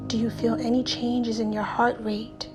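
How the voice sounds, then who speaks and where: Over background music, a woman guides a meditation at a fairly high pitch with little pitch movement. Her calm, unhurried delivery features deliberate pauses and soft, breathy phrase endings.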